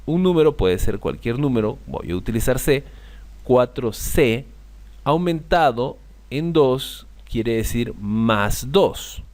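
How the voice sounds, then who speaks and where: Male math tutor; patient, slow repeats of key terms, lively rising and falling delivery. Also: medium pitch. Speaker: math teacher. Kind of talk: explaining a lesson to viewers.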